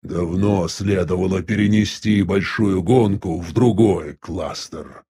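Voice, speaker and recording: A man reads as a tired old elder of a mystic sect, husky and slow. His voice sits low and dark, every sentence weighed out with resigned calm in a measured audiobook delivery. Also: exaggerated voice. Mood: weary musing. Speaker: audiobook voice actor. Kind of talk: audiobook dialogue reading.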